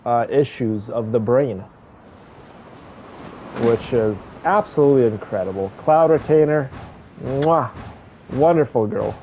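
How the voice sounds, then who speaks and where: A game streamer chats warmly and effusively with his viewers, his medium-pitched voice unhurried and broken by long pauses. The stream audio is dull and band-limited, carrying a faint hiss or hum, with music underneath.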